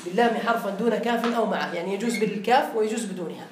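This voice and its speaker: A man teaching an Arabic grammar lesson in a classroom, explaining slowly, repeating points and quizzing his students. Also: high voice, reverberant, noisy background.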